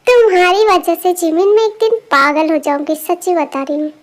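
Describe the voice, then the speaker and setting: A sharp-tongued young woman, teasing and exasperated with her friend, as a woman voices her. Very high, girlish voice in a plain home dub. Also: steady tone, normal speed. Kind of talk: amateur voice dubbing.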